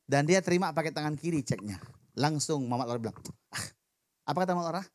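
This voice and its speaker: A man preaching a sermon in a church, lively and joking with the congregation. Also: on the high side, brisk, dry recording, studio quality. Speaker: pastor. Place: church hall.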